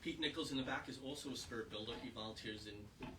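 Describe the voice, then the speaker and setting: Fast, bright and forceful, a man's mid-range voice carries through a small historic house meeting room as he gives an informal, earnest talk to a few listeners. He's a volunteer who rambles with fillers, and the distant mic picks up background noise.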